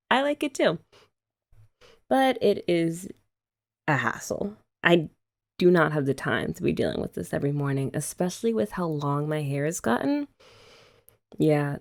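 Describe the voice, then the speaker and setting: In a scripted girlfriend ASMR roleplay, a young woman teases her partner and laughs a lot. Her voice is low-pitched and gravelly, and she's an ASMR creator.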